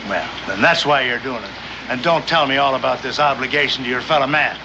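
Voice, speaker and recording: A man's voice: mid-range voice, fairly quick, lightly acted. An actor playing a scheming, self-interested frontier father in a 1960s TV western, wordy, mock-formal and argumentative. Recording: muffled, noisy old TV soundtrack.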